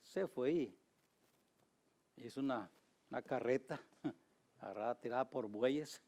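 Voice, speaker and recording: A male pastor preaching a sermon. He speaks emphatically, repeats key phrases and tells anecdotes, moving from loud, high exhortation to low, quiet asides. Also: unhurried, gravelly. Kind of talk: Spanish-language sermon.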